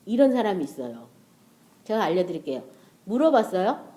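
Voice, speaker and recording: A woman's voice: mid-range voice, big pitch swings, fairly quick, dark tone. A woman preacher giving a casual, conversational sermon and acting out prayers and inner voices.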